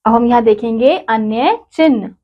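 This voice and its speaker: A woman teacher giving a grammar lesson to children, slowly spelling out each syllable and example word. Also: on the high side. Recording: dull lo-fi recording.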